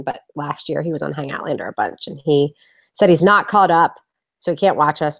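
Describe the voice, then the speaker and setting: Female co-host, very low voice, dry close sound, rambling, reads viewer tweets. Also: dry recording. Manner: rambling, self-correcting. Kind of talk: casual fan discussion.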